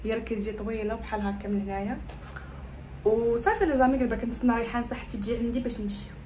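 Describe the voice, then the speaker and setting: A woman's voice: fairly high pitch, steady tone, rapid-fire, a little mellow, slight background noise, rough recording. A young woman with a Moroccan Arabic accent, chatting to viewers in a casual, upbeat phone vlog. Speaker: vlogger.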